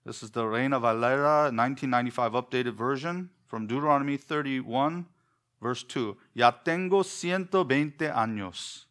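A man's voice: mid-range voice, a bit bright. Korean-born man preaching a sermon. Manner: measured, deliberate delivery with slowed emphasis and rhetorical questions. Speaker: pastor. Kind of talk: expository sermon. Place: church sanctuary.

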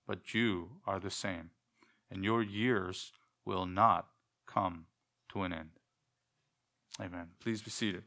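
A man whose first language is Korean, preaching an expository sermon in church with a measured, deliberate delivery and rhetorical questions. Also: low-pitched, fairly even intonation, sharp tone. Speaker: pastor. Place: church sanctuary.

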